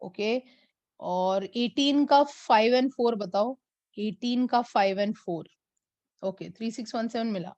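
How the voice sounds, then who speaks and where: A woman physics teacher, mixing Hindi and as she teaches an online class and slowly repeats numbers for her students. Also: on the high side, darkish tone, dry recording. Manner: mixes Hindi and English.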